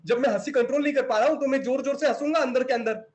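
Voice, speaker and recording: An animated man with an Indian accent runs a children's acting class over a video call, acting out laughs as he teaches. His voice sits fairly high for a man and stays lively. The sound has the closeness of a home video-call mic. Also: rapid-fire, heavy background noise. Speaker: acting teacher at an online kids' camp. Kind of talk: online class, mixing Hindi and English.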